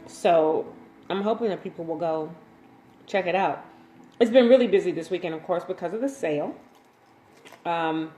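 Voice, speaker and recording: A woman chats casually on a livestream, greeting viewers by name and reading their comments aloud. She talks in a loose, informal way. Her voice carries a roomy echo over a faint background hum. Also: medium pitch. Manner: relaxed and informal, frequent ums and slang. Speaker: waist bead maker and seller, livestream host.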